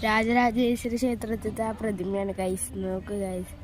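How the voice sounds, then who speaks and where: A woman's voice: mid-range voice, moderate pace. A woman vlogger narrating a casual temple visit outdoors, keeps calling out to viewers as "guys" while pointing things out. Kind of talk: casual travel vlog narration. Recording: outdoor recording with steady background noise.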